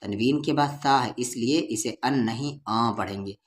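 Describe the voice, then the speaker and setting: Speaking at an ordinary pace in a mid-range voice, a male teacher with an Urdu-Hindustani accent guides a Quran reading lesson one letter at a time. Syllables are spelled out with patience, vowels held long.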